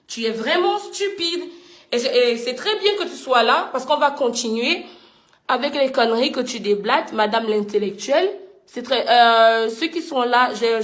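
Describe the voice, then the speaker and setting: A woman's voice: fairly high pitch, a bit bright, echoey room. A woman with a Cameroonian accent ranting in heated commentary, indignant and combative, often repeating herself. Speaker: vlogger.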